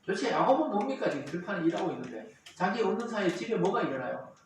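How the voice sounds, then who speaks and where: Male pastor, lively sermon delivery, fairly high voice, booming echo, distant mic. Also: fast talker. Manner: animated, acts out quarrels in character voices. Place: church sanctuary. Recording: very echoey hall, distant mic, faint noise.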